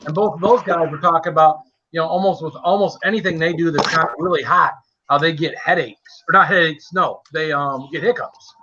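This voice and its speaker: A man's voice: a little high, brisk, sharp tone, slight background noise. A man hosting a casual livestream chat in a chummy, self-deprecating way. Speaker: livestream host. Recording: dull lo-fi stream audio.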